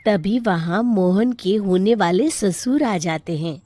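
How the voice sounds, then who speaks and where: A woman's voice: medium pitch, takes it slowly, dark tone, no room sound. A woman narrating a scripted story as its storyteller.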